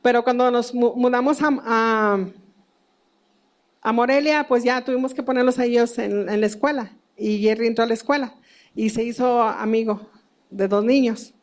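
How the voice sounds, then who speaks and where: A woman's voice: on the high side, steady tone, normal speed. A middle-aged woman giving a conversational church Bible teaching, asking rhetorical questions and laughing at her own stories.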